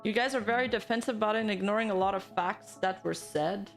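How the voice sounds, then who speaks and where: Female streamer, casual commentary style, medium pitch, music behind her. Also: fast, gravelly. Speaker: livestream host. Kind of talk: casual livestream chat and commentary, reading viewer comments.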